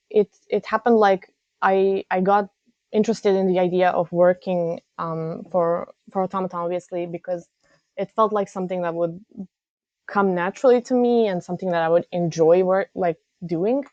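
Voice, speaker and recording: A woman's voice: medium pitch, darkish tone, no echo, lo-fi sound. A young woman from Serbia, a guest in a casual interview, speaking hesitantly with many fillers and restarts. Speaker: guest, games news editor.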